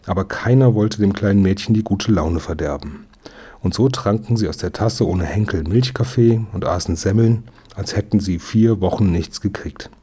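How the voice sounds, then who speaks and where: Male narrator for a children's audiobook, measured, low and mellow. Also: breathy edge. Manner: measured, storytelling. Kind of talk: scripted storybook narration.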